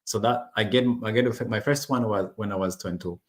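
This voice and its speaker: Speaking briskly in a lowish voice, the man is a Rwandan vlogger on online business whose first language isn't English. His casual talk to camera is full of restarts and fillers.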